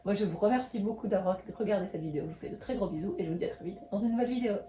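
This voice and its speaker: A woman in her thirties chatting casually as a vlogger, gushing over things she loves and pausing often on hesitant fillers. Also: medium pitch, mellow, a little hiss or hum. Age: 30s. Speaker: coloring book vlogger. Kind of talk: casual show-and-tell chat.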